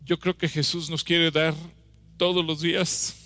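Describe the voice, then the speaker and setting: A man's voice: a little high, flat delivery, measured pace, bright, forceful tone, soft background music. A man preaching a sermon with emphasis, acting out scripture dialogue and putting rhetorical questions to the congregation.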